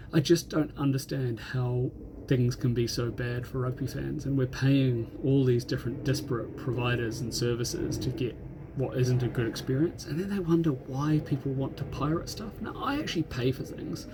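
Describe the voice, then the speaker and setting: A middle-aged man with a New Zealand accent grumbles through an exasperated, informal rant. He talks fast, with a creaky, gravelly edge to an average-pitched voice. There is a little background noise on the recording. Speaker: rugby fan. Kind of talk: casual rant to camera.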